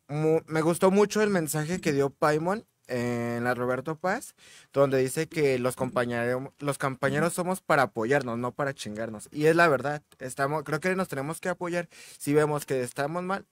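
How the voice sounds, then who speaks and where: A man's voice: on the high side, clear, resonant tone, no room sound. A masked male wrestler with a Mexican accent, speaking casually as a podcast guest and talking in an easygoing, hesitant way with many fillers. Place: indoor studio set with a backdrop. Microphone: table microphone on a stand.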